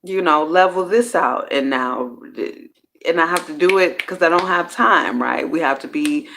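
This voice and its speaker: A gravelly, low female voice that's a bit bright moves at normal speed. She hosts a personal growth series, musing casually and candidly with slang and free swearing, often trailing off and beginning again.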